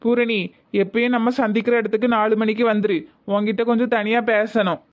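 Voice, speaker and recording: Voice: mid-range voice, little pitch movement, fairly quick, narrow, tinny audio, close to an everyday voice. A voice actor playing a troubled young man torn between his love and his father, with a Tirunelveli Tamil accent, in a cartoon. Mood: tense. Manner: tense, pleading.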